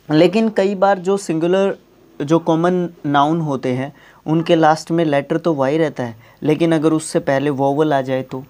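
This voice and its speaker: A man's voice: fairly high pitch, a little mellow. A man teaching English grammar in Hindi, explaining rules step by step and asking the class questions as he goes.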